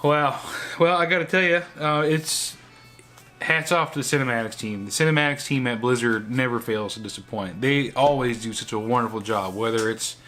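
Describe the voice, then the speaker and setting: Bright-voiced older man reacting casually. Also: medium pitch, moderate pace, soft background music. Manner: rambling, thinking aloud. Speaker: reaction video host. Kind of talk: casual off-the-cuff reaction commentary.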